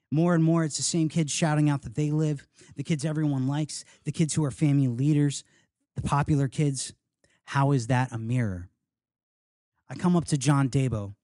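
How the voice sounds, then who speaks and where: A man reading aloud from his memoir at a live reading, in an earnest, measured and rhythmic way. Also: on the high side, dark tone, no echo, studio quality. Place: house reading event, indoors.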